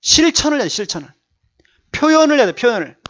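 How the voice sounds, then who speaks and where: A man's voice: extremely high pitch, sing-song, fast, fairly bright tone. A male pastor preaching a sermon, emphatic and repeating his key words to urge the congregation on. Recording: dull lo-fi church recording.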